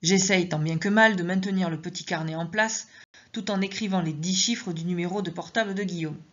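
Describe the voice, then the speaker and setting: Woman narrating a tense story, low voice. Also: brisk, fairly bright tone, highs cut off. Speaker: author reading her own story. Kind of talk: first-person story narration.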